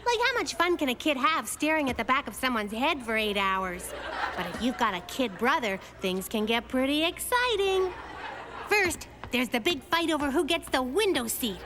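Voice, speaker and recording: A woman voicing a quick-witted, confident little girl in a children's cartoon, with a cheeky, matter-of-fact way of talking. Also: high-pitched, very animated, noisy background. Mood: wry, mischievous. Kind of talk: animated children's cartoon dialogue. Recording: loud music under the voice.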